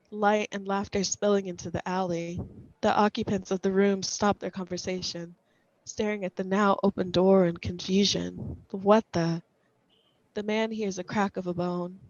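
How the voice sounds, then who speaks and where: A woman reading a scripted horror story aloud in a measured, suspenseful way. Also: mid-range voice, darkish tone, dry recording, dull audio.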